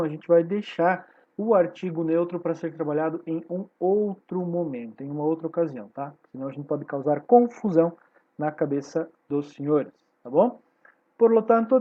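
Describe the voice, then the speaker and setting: A woman's voice: lowish voice, lo-fi sound. A woman with a Brazilian Portuguese accent teaching a Spanish class online. She explains patiently and keeps checking in with her students.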